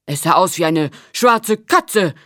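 A woman's voice: on the low side, animated, takes it slowly, fairly bright tone, no room sound, studio quality. A woman voicing a proud, touchy male winged lion who speaks in an offended tone and huffs between phrases.

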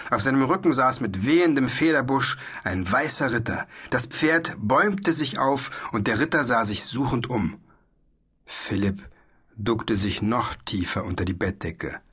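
A man narrating a children's story aloud in a measured, expressive way. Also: mid-range voice, husky. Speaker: audiobook narrator.

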